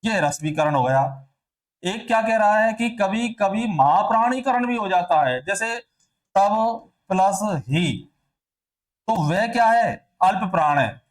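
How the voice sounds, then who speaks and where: A man's voice: high-pitched, animated, unhurried. A male teacher going through test answers, asking questions and answering them himself, and repeating sounds to show how they are said. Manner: repeats sounds and words to demonstrate pronunciation. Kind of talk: exam answer walkthrough lesson.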